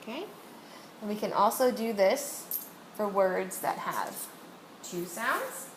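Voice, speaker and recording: A woman teacher demonstrating a reading lesson with a student, saying each word slowly and deliberately to model its sounds. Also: mid-range voice, expressive. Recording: echoey room with faint noise.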